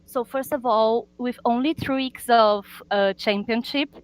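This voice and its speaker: A woman from a marketing team presenting results on a video call, earnest and halting, with frequent fillers. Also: on the high side, rough recording. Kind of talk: business presentation.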